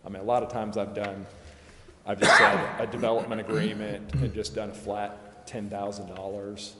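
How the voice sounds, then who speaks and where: In a council chamber with long reverb and background noise, a male lawyer advising the city council explains things informally, rambling a bit and poking fun at himself in plain language. His fairly low voice moves at a moderate pace with little pitch movement.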